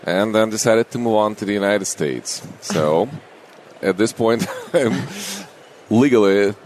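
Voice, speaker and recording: Deep-voiced man, unhurried. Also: darkish tone, a little hiss or hum. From Russia. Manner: unhurried, friendly, with small grammar slips. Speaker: anesthesiologist guest. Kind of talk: casual interview conversation.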